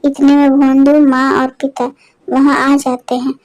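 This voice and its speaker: A woman narrating a scripted moral storybook tale in a steady reading voice. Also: sits high, unhurried, low-quality recording.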